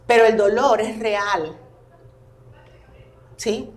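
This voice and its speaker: As a guest on a relaxed podcast, a family constellations therapist tells animated, expressive stories. Her voice is a little high and she draws out her words, and the room echo is noticeable.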